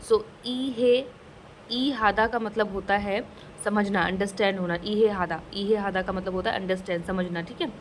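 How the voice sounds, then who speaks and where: Woman teaching phrases, slow repetition. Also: mid-range voice, fairly even intonation, slight background noise, low-quality recording. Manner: explains slowly, repeats phrases twice; mixes English words into Hindi. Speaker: Korean language teacher. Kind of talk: casual language lesson.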